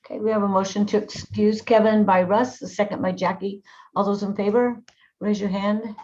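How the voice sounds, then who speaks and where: A woman mayor chairs a council meeting, moving briskly through procedure in a matter-of-fact way. Her voice sits in a middle range, and the recording sounds dull and lo-fi. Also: medium pitch, fairly even intonation, darkish tone.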